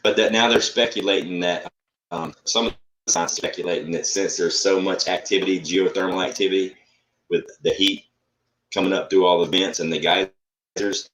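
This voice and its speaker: Very deep man on a choppy, breaking-up call. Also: steady tone, moderate pace, fairly bright tone, a little hiss or hum, poor audio. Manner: rambling, loose, swears freely. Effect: choppy, breaking-up video call audio. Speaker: host of a live online show. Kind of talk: casual live-stream chat. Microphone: video call.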